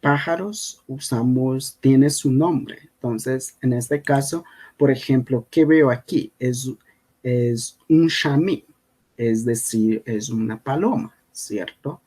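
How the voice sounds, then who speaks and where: A man's voice: medium pitch, a little mellow. A man whose first language is Kogui teaching a language lesson over slides, often checking in with the listener. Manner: unhurried, checks in with frequent "¿sí?".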